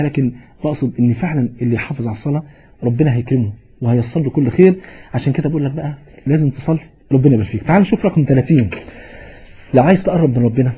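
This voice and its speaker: A man's voice: mid-range voice, warm tone, breathy edge, poor audio. A middle-aged man with an Egyptian accent preaching a sermon, telling a heartfelt story and pressing his listeners with fervent urgency. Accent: Egyptian Arabic.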